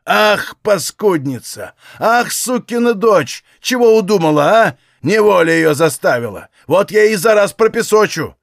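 A hot-tempered old Cossack father shouts and curses in a gruff, raised voice, as a man reading the story puts him on. The recording is dry and close. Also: fairly high pitch, sing-song, moderate pace, few pauses, no room sound. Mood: furious.

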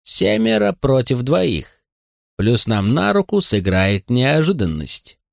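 A level-headed frontier sheriff who speaks firmly and calmly, with lively pitch movement, as a male narrator acts him. The take is dry and close. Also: slow pace, vocal fry, no room sound, full character voice. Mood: firm steady. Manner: firm, calming.

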